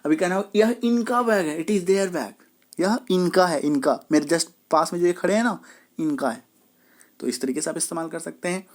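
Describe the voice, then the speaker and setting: A male English teacher giving a patient lesson, repeating examples, spelling words out and slowing down on English sentences. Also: on the high side. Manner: patient, repeats each example and checks understanding. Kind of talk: classroom-style lesson explaining words.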